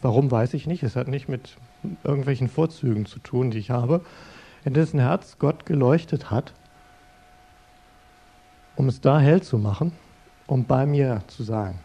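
Mellow-voiced man giving a sermon. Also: mid-range voice, a little slow, long pauses. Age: middle-aged. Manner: earnest, conversational, addresses listeners directly. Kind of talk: sermon-style talk.

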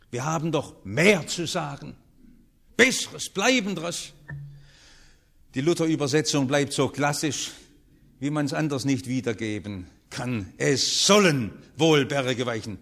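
A man delivers a sermon in a high, unhurried voice. He speaks earnestly and swings between hushed, low passages and loud, rising ones. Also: gravelly. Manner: earnest, with strong rises and falls in pitch and loudness. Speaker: preacher.

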